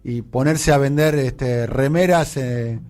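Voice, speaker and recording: A man with a Rioplatense Spanish accent hosting a radio interview, asking probing questions with frequent pauses and fillers. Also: medium pitch, a little mellow. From Argentina. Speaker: radio show host.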